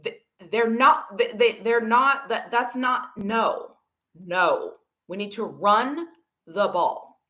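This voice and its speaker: A woman's voice: fairly high pitch, takes it slowly, bright, forceful tone. A woman hosting a casual football livestream, talking to her chat in an emphatic, argumentative way. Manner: talks to chat viewers. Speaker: livestream host.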